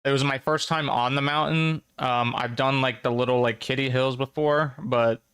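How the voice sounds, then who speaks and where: A man's voice: medium pitch, steady tone, moderate pace, fairly bright tone, clean tone, dry recording. A young man in his twenties co-hosting a podcast, telling a story at an easy ramble with many ums. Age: young adult. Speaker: podcast co-host. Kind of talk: casual storytelling.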